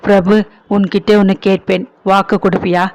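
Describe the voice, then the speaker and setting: A man's voice: high voice, little pitch movement, normal speed, darkish tone. A man voicing a tearful remorseful old mother. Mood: pleading. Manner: pleading, emotional speech.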